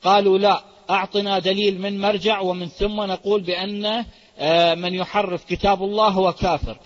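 Man, high voice, firm and argumentative, muffled lo-fi recording. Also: flat delivery, brisk. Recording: muffled lo-fi audio.

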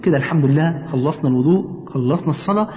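A man with an Egyptian Arabic accent gently teaching his mother how to pray, patient and tender, slowing down to recite each prayer clearly. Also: a little high, echoey room, big-room sound, muffled recording. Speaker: religious teacher. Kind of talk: gentle religious lesson addressed to his mother.

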